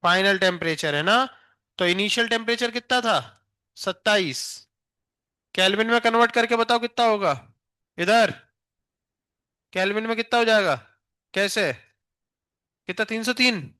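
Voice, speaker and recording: A male physics teacher with an Indian English accent fires rapid questions at his class in a high, sharp yet clear and resonant voice, teasing students who stand to answer. The sound is close and dry, with no room echo.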